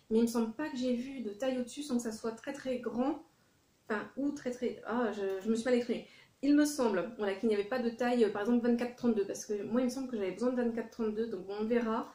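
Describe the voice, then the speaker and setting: A woman's voice: a little high, steady tone, quick pace, dark tone. A woman chatting casually through a shopping haul, with many fillers and self-corrections. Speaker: vlogger. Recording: echoey room.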